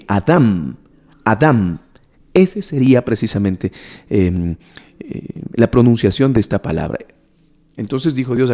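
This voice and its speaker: A man's voice: mid-range voice, dark tone. A man preaching and teaching the Bible to a gathered audience. He keeps asking his listeners questions and repeats key words to drive his points home. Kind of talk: sermon-style Bible teaching.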